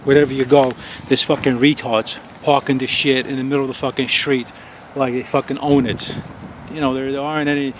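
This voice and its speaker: Man, casual outdoor vlogger, irritated profane rant, halting speech, street noise behind. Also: mid-range voice, level tone. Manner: angry, profane ranting with halting restarts. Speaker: RC car hobbyist reviewer. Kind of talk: casual outdoor review vlog. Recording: noisy outdoor street recording.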